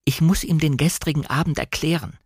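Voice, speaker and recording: A man reading an audiobook, voicing an anxious young wife who pleads urgently, his voice raised and slightly husky. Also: on the high side, steady tone, fairly quick, no room sound, studio quality, pitched above the performer's own voice. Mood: desperate.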